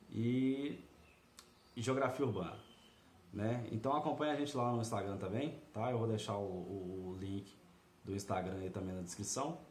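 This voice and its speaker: A man's voice: lowish voice, a little mellow, slight background noise. Chatty male tutor in an echoey room. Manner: chatty, checks in with tag questions often. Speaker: exam-prep tutor. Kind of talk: casual video lesson walking through a practice test.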